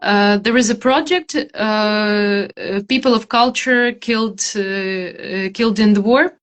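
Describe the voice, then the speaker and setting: A woman's voice: mid-range voice, measured pace. A woman with a Ukrainian accent giving thoughtful interview answers, hesitating as she searches for words. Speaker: interview guest, theater maker.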